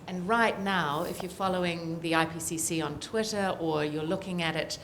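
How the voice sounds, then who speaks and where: A woman's voice: on the low side, fairly even intonation, normal speed, a bit bright, a little hiss or hum. A middle-aged woman with a New Zealand accent, speaking earnestly as a panelist and political scientist with frequent ums. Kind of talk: panel discussion remarks.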